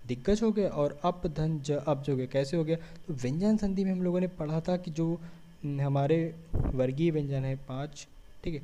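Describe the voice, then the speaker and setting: A man teaches a grammar lesson step by step. His voice sits a little high but has a mellow, warm tone. He keeps asking questions and answering them himself, and often checks in with short words. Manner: frequent checking fillers. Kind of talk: board-style grammar lesson.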